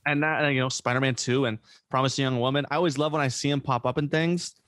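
A man hosting a casual podcast chat, excitable, swearing casually and laughing often. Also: mid-range voice, fast. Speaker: podcast host.

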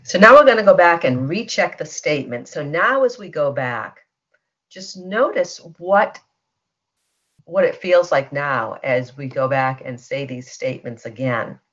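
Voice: mid-range voice, expressive, measured pace, a bit bright. A facilitator leading a guided energy-healing session, speaking in a soothing way and prompting listeners to repeat statements. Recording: dull lo-fi teleconference line.

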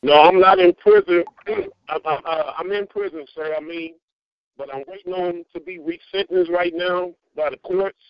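A middle-aged man calls in to a radio show from prison with the phone held away from his mouth. The line is muffled and very dry, and his voice sits fairly high. He speaks earnestly and restarts his sentences. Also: moderate pace, clean tone, dry recording. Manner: earnest, repeats words as he restarts. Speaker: incarcerated caller on a radio show. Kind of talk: phone call-in.

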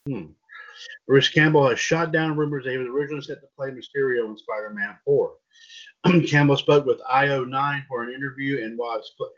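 A man's voice: medium pitch, fairly bright tone. A man hosting a casual pop culture news podcast, reading headlines aloud and stumbling over names. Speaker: podcast host. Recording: dull lo-fi sound.

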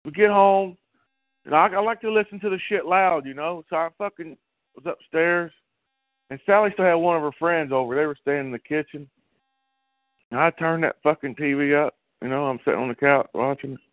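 Male co-host, fairly high voice, profane storyteller, dry tinny line. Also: a little fast, dry recording. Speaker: podcast co-host. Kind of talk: casual chat.

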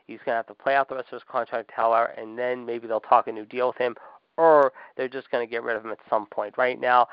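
A man's voice: medium pitch, clear, resonant tone, dry recording. Opinionated man ranting on a lo-fi mic. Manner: many fillers and repeated "however", emphatic opinions. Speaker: podcast host. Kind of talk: opinionated sports commentary monologue. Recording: dull lo-fi dry recording.

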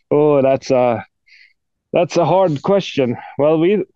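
Speaking slowly in a fairly high, dark-toned voice with big pitch swings, this Swedish man talks casually as a guest on an interview. He's a death metal guitarist with a Swedish accent, hesitant and quick to put himself down. There's no echo, and the sound is dull.

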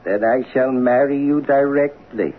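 A man's voice: medium pitch, lightly acted. A man playing a solemn, commanding old father. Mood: grave. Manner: slow, solemn, grandly intoning. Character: stern older man, mysterious, commanding father. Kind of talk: 1940s radio acting. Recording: tinny old radio broadcast with hiss.

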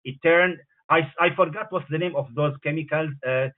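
Man on speakerphone, tinny phone sound, fairly high voice, hesitant, keeps calling for attention. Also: normal speed. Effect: on speakerphone, sounds far away. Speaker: caller in a group call.

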